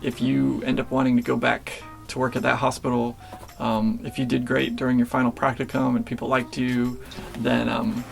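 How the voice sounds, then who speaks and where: Young male nurse vlogger, gravelly and flat, easygoing with lots of ums, soft music under him. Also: mid-range voice, moderate pace. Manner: relaxed, filler-heavy, restarts. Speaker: nurse answering viewer questions. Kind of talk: casual Q&A vlog.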